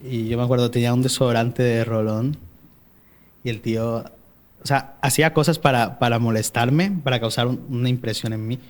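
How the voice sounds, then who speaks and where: This young man's medium-pitched voice is brisk, with fairly even intonation. Born in Mexico and brought up in Spain, he speaks Málaga Spanish with hints of Mexican accent while sharing his faith testimony as a chatty podcast guest, full of hesitations and restarts.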